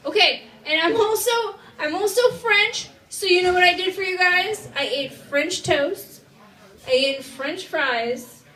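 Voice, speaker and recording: A woman's voice: very high voice, unhurried. A drunk woman doing a rambling stand-up comedy set, talking loosely and swearing. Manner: loud, tipsy, rambling with lots of "like" and swearing. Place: comedy club stage. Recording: roomy club sound from a distance.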